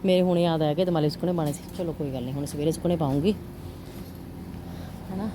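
A woman with a fairly low voice talks through her day in a casual home vlog. She is chatty and keeps turning to her viewers for agreement. The handheld recording carries plenty of noise behind her. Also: fast talker. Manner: chatty, addresses viewers with frequent tag questions. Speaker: home vlogger and mother. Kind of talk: casual daily-routine vlog chat. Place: around the house, partly outdoors.

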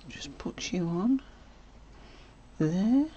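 A woman hosting a casual stitching tutorial, chatty and self-correcting, often dropping to a soft murmur as she works. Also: fairly low pitch, expressive, slow, dull audio, a little hiss or hum. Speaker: sewing tutorial host.

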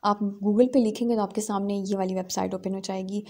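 A woman hosting a screen-recorded software tutorial, explaining each step with small fillers. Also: medium pitch, fairly even intonation, brisk. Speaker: tutorial host.

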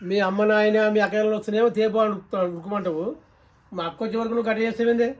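Telangana man, village sketch, rapid insistent nagging, mic set back. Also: high voice, steady tone, far from the mic, muffled recording, heavy background noise. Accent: Telangana Telugu. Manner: scolding, insistent, rapid talk. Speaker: younger brother and husband in a family sketch. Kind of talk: scripted village comedy sketch.

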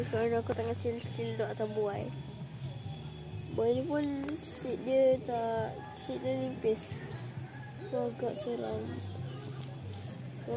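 A woman's voice: a little high, noisy background. A young woman with a Malaysian Malay accent, chatting casually in a camping vlog, rambling with fillers, recorded on a phone held close outdoors. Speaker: vlogger. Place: outdoor campsite among trees. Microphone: phone held close at arm's length.

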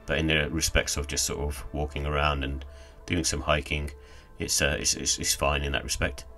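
A man's voice: very deep voice, little pitch movement, normal speed, pushed and bright, soft background music. A man giving a casual, rambling sneaker review voice-over, full of fillers like "sort of" and "kind of".

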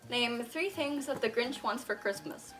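A woman's voice: on the high side, measured pace, a bit bright, soft background music. A young woman guest in casual, teasing banter with her friend. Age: young adult. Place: indoors in a decorated room.

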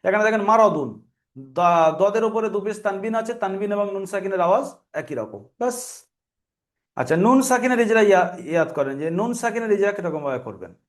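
A man's voice: sits high, animated, a little fast. A male teacher with a Bengali accent giving a recorded reading lesson, patiently spelling out letters and repeating drills.

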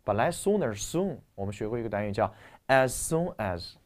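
A man teaching English vocabulary in a recorded lecture, lively and emphatic, dropping into soft asides as he explains words. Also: lowish voice, moderate pace, a little hiss or hum.

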